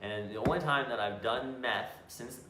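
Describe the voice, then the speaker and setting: A man's voice: mid-range voice, moderate pace. A man in casual chat, telling stories bluntly with a lot of swearing and restarts. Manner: blunt, profane storyteller with many restarts. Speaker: co-host. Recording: roomy echo, faint background noise.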